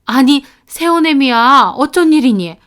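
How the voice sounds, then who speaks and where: Woman doing a worried, fussy older mother-in-law, slow and pitched high. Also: animated, fairly bright tone.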